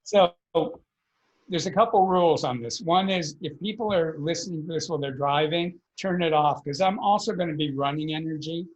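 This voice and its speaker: A man's voice: a little high, moderate pace, muffled recording. A man, a podcast guest, earnestly explaining energy work in a conversational interview, often repeating words as he thinks.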